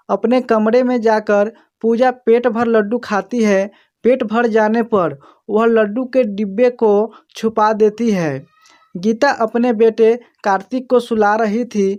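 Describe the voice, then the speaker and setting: Slow-reading woman narrating a family tale. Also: on the high side, dark tone, highs cut off. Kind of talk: scripted storybook narration.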